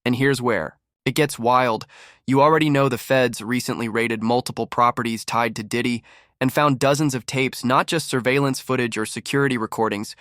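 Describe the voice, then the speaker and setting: A man's voice: mid-range voice, a bit bright, dry recording, clean studio sound. A man delivering scripted gossip commentary as a narrator.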